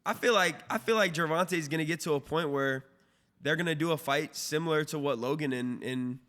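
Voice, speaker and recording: A man's voice: fairly high pitch, brisk, a bit bright. A man on a podcast chatting bluntly and casually, swearing freely. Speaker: podcast co-host. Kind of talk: casual chat.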